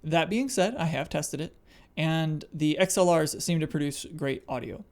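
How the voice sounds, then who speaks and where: A man giving a casual camera review, reading a test phrase over and over in a measured way, in an ordinary room with a window. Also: fairly high pitch, darkish tone.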